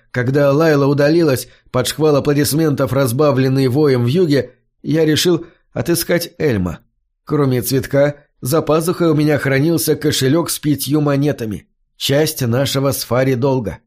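A man reading a first-person fantasy audiobook in an even, measured way. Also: mid-range voice. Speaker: audiobook narrator. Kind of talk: scripted storybook narration.

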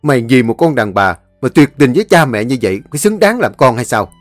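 A man voicing a domineering older brother who shouts harshly. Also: mid-range voice, sing-song, a little fast, no echo, soft background music, close to an everyday voice. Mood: furious.

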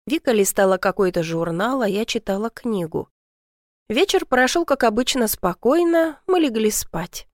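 A woman narrating a first-person story in an earnest, steady storytelling manner. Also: on the high side, normal speed, no room sound, studio quality.

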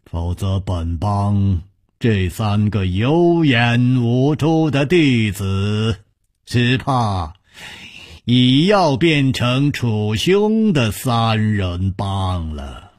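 Man voicing an authoritative young sect leader, deliberate and husky. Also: on the low side, lively intonation, darkish tone, dry recording, clean studio sound, heavily acted. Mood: courteous. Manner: measured, commanding, slow and weighty. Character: stern young male leader of a beggars' sect.

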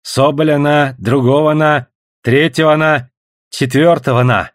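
A man's voice: fairly high pitch, fairly even intonation, a little slow, dry recording, studio quality, natural voice. A man voicing a young native hunter asking to trade in broken, pidgin-like speech. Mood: eager. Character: young native hunter Aidamba, bold and eager.

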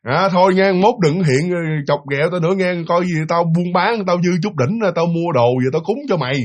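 A man's voice: sits high, a little fast. A man voicing an aggrieved older aunt, complaining and pleading with a ghost.

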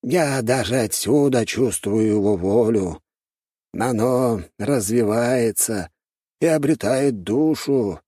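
A man voicing an old elder in green who murmurs slowly, in a raised, husky voice. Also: mid-range voice, mellow, no room sound, studio quality, voice pushed up. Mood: ominous. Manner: murmuring, slow.

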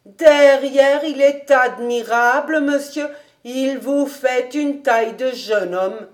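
An eager, chattering old housekeeper in a storybook reading, put on by a woman narrator. She coaxes and fusses in a raised, lively voice, with an unhurried pace. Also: fairly high pitch, pitched above the performer's own voice. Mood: admiring. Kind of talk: audiobook character reading.

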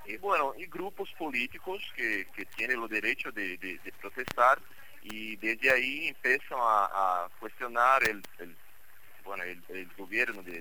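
A man's voice: mid-range voice, bright, forceful tone, slight background noise, poor audio. A man with a Brazilian accent, a native Portuguese speaker, giving commentary as a guest journalist in a second language and searching for his words. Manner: halting, searching for words in non-native Spanish. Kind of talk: live radio interview commentary.

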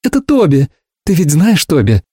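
A man's voice: huge pitch swings, normal speed, dark tone, husky, no room sound, studio quality, heavily acted. A man voicing a chattering young woman in an audiobook, piercing and effusive, showering endearments. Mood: gushing. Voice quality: piercing shrill voice. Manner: effusive, sprinkles every phrase with endearments. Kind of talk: audiobook character voice.

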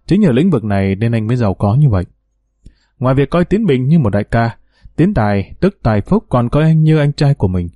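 Man reading a story aloud, calm measured, mellow and dry. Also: mid-range voice, no echo. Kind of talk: audiobook story narration.

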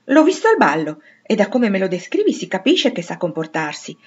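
A woman's voice: mid-range voice, very animated, a little fast, breathy edge, muffled recording. A woman voicing a sentimental, romantic older sister with a knowing air. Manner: dreamy, knowing.

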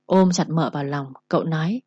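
A woman's voice: low-pitched, fairly quick, slightly rough, no room sound, lo-fi sound. A woman narrating a story aloud and reading every character's lines in her own voice.

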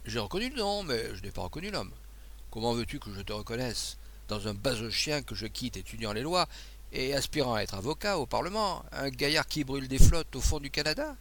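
A man reading the part of an excitable, kindly abbé who stammers and pleads in a flustered way. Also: mid-range voice, brisk. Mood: chatty. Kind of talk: audiobook dialogue.

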